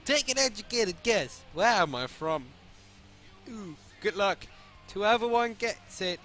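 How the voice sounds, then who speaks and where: A man's voice: high voice, measured pace, soft background music. A man from continental Europe outside the British Isles, commenting on a game while joking, swearing and answering chat in a live stream. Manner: excitable, joking, swearing freely.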